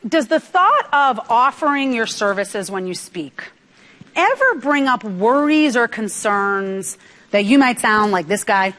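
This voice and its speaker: A woman from New York speaks to a live audience in a fairly high voice. She gives a lively business talk and keeps pulling the room in with questions. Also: a little slow.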